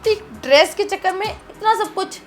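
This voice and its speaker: A woman playing an indignant young wife, high-voiced. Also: normal speed, faint music behind. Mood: disgusted. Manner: scolding, indignant. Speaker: actor in a short film. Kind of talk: melodramatic web short film acting.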